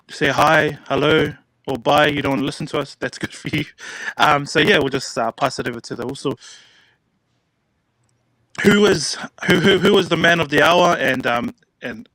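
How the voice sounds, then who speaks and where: A man hosting a podcast in a relaxed, filler-heavy way, with a bright, slightly high voice. The sound is dry and close, with no room around it. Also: dry recording, poor audio. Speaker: podcast host.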